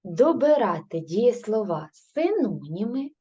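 A woman's voice: mid-range voice, very animated, a little slow, dark tone, breathy edge. A woman teacher with a Ukrainian accent giving a primary school language lesson, patiently asking questions and answering them herself. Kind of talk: recorded grade-three language lesson. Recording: dull lo-fi recording.

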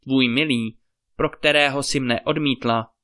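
A man's voice: mid-range voice, fairly even intonation, fairly bright tone, close to an everyday voice. A man reading the part of a fierce, jealous warlord in a fairy-tale audiobook, harsh and demanding in tone. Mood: wild.

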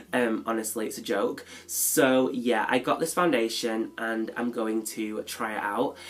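A man talks through a beauty vlog with a stuffy, nasal voice from a cold. His pitch sits in a middle range for a man, and he chats in a loose, rambling way, often poking fun at himself. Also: steady tone, takes it slowly. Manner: chatty, rambling, self-deprecating. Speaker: beauty vlogger. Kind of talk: casual chat.

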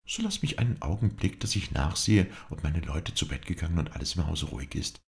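A man's voice: rumbling low, lively intonation, brisk, creaky, heavily acted. A man voicing a fickle young noblewoman, speaking in a raised, exclaiming voice. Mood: coaxing.

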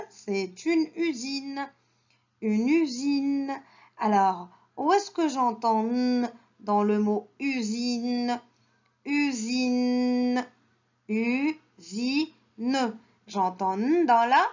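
Slow teacher woman, dull lo-fi sound. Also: on the high side, darkish tone. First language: Arabic. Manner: slow, syllable-by-syllable modelling with repeated words. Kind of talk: early reading lesson for children.

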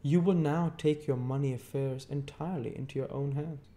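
A male reader voices a stern, middle-aged lawyer, a storybook character who always knows best and presses every question as if cross-examining. He lifts his voice well above his natural register, loud and insistent over a mellow, darker undertone, with clipped, emphatic, pronouncing delivery. The pitch sits mid-range with fairly even intonation at a moderate pace, pushed up yet still natural.

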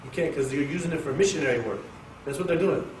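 Speaking fast in a slightly high voice, a male Quran teacher from Oklahoma, USA, keeps his informal religious class light with jokes and lively talk aimed at the audience. The mosque hall recording is echoey, with a faraway microphone and a bit of hiss.

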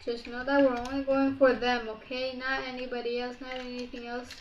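A woman co-playing in a casual gameplay chat, bossy and teasing, snapping out quick commands. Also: high-pitched, flat delivery, highs cut off, a little hiss or hum. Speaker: co-player. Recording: echoey room.

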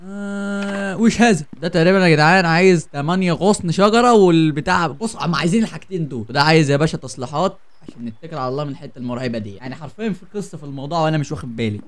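A young man's fairly high voice rattles along very fast with few pauses as he comments on a horror game he's playing. He's a gaming channel host with an Egyptian Arabic accent who jokes, gets startled, and chats with viewers.

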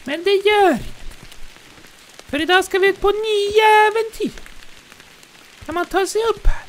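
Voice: very high-pitched, a bit bright, slight background noise. A performer voicing a cheerful, childlike bear in let's play commentary, chirpily narrating its own actions as "we". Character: cheerful childlike bear, cozy and easily delighted.

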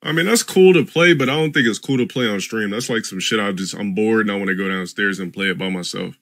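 A man's voice: lowish voice, fast, pushed and bright, no echo, studio quality. A man livestreaming games with casual, blunt, dismissive talk full of slang and swearing. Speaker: video game livestreamer. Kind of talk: casual livestream chat with heavy profanity.

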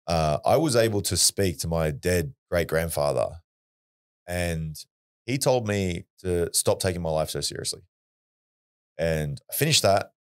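A man's voice: sits low, animated, measured pace, smooth. An Australian man, a podcast guest, telling a personal story in a blunt, earnest way and swearing freely. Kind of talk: casual storytelling.

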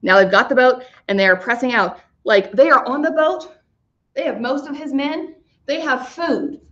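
A woman's voice: sits high, moderate pace, a bit bright. A woman teacher casually explaining a story to her class, chatty with many fillers, in an echoey, muffled recording. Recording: echoey room, muffled sound.

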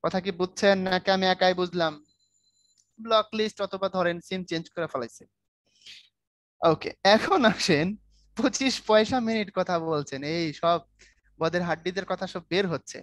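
A man's voice: high-pitched, normal speed, pauses often, fairly bright tone, dry recording. Dry, joking male Bangla teacher. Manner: joking, keeps checking students follow. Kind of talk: online class lecture.

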